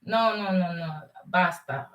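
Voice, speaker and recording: A woman hosting a casual live chat with viewers, mixing English and Italian and often pausing to search for words. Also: fairly low pitch, reverberant, recorded from a distance. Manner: mixes English and Italian while greeting viewers. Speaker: live stream host.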